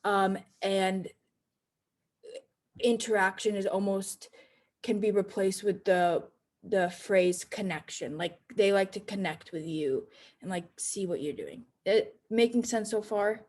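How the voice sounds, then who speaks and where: An American woman speaks at a middling pitch as she leads an informal online training. She sounds like a consultant talking to peers, conversational and checking that listeners are following. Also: measured pace, a little mellow. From Cape Cod, United States. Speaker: direct sales consultant presenting.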